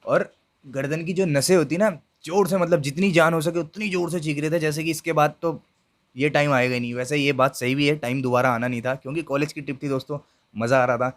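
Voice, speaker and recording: This YouTube storyteller, a young adult, narrates his personal ghost encounter in a relaxed, talkative style. He speaks fairly quickly with fairly even intonation in a slightly high voice, often pausing on fillers to check in with his audience.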